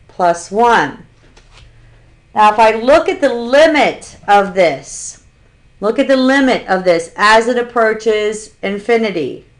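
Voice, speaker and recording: A woman math instructor giving a recorded calculus lecture, explaining step by step with an occasional dry sarcastic aside. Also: mid-range voice.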